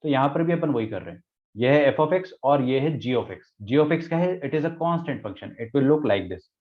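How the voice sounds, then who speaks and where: A man's voice: medium pitch, lively intonation, measured pace. A male maths teacher giving an online lecture, mixing Hindi and English, explaining step by step and answering his own questions. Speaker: math teacher. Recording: tinny phone-like lecture audio.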